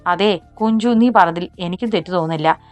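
A woman's voice: lowish voice, fairly quick, no room sound, faint music behind, close to an everyday voice. A woman doing a hot-headed younger brother. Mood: resentful. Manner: teasing, then resentful.

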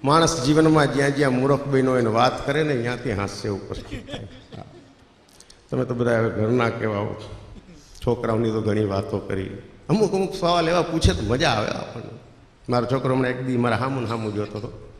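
A man's voice: medium pitch, fairly quick. A middle-aged man, telling folksy jokes to a live audience and acting out the voices of his characters. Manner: folksy storyteller acting out voices, laughing often. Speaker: stand-up comedian. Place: stage in a hall. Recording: echoey hall from a stage mic.

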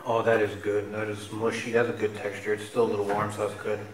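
A man's voice: fairly low pitch, completely flat delivery, fast talker, echoey room, distant mic, a little hiss or hum. Man muffled through a face mask. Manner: mock-melodramatic complaining. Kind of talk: parody food review. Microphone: head-mounted camera.

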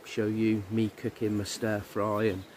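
A man's voice: on the low side, monotone, measured pace, a little mellow, slight background noise. A man, chatting casually to camera at a woodland camp, easygoing and full of ums. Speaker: outdoor camping vlogger. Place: woodland camp outdoors by a river.

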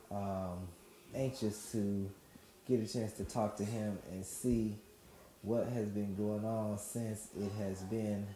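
A man calmly narrating a walkthrough of an apartment building he is renovating, explaining each step in a measured, instructive way. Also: on the low side, a little hiss or hum. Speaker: property investor and renovation vlogger. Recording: echoey empty rooms, background music.

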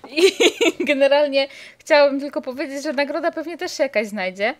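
A woman's voice: high voice, fairly quick, no room sound. A young woman hosting a casual game stream with friends, teasing and laughing often. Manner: giggly, teasing. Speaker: let's play host. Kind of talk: casual gaming chat.

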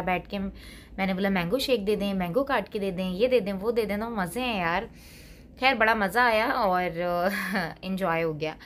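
A woman's voice: mid-range voice, slight background noise. Chatty young woman vlogging. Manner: chatty, mixes in English phrases. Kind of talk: casual vlog chat.

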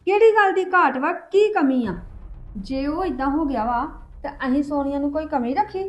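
A woman playing a resentful, quick-tempered young woman of the family who confronts her relatives with accusations. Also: sits high, natural voice. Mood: aggrieved. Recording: dull lo-fi sound with faint music.

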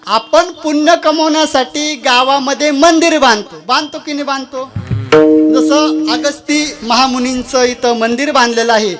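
A woman's voice: high-pitched, moderate pace, over music. A woman preacher giving a devotional kirtan sermon, telling a story and calling out questions to the crowd. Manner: call-and-response with audience.

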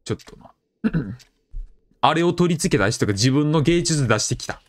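A young man with a Kansai accent commenting on a horror game as he plays, chatty and jokey, with sudden loud outbursts. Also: a little high, expressive, moderate pace. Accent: Kansai Japanese. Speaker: game streamer.

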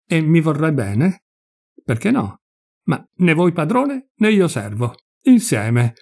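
A man's voice: on the high side, very animated, slow, a little mellow, exaggerated voice. A man doing a fervent pious vagabond. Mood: earnest. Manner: emotional, pleading then furious outbursts.

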